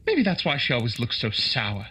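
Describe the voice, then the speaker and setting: A man's voice: medium pitch, huge pitch swings, moderate pace, pushed and bright, slightly rough, full character voice. A man playing an earnest, slightly dim doctor sidekick who also narrates a radio play politely. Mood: wondering.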